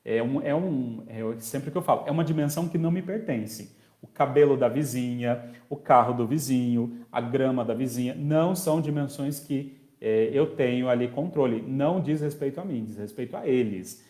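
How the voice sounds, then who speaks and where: A man's voice: medium pitch, normal speed, few pauses, warm tone. A male special education teacher giving an online parenting course, talking conversationally, reading out viewer comments and answering them, with frequent tag questions. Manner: checks in often with tag questions. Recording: echoey room.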